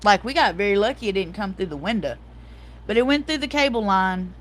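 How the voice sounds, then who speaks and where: Middle-aged woman chatting on her stream, animated storyteller, says y'all a lot. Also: mid-range voice, a little fast. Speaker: livestream host. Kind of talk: casual livestream chat.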